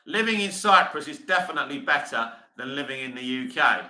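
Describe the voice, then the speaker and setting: A man's voice: mid-range voice, lively intonation, brisk, pushed and bright, roomy sound, low-quality recording. A middle-aged man from England, hosting a casual livestream, reading viewer comments aloud and answering them bluntly. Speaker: livestream host reading chat.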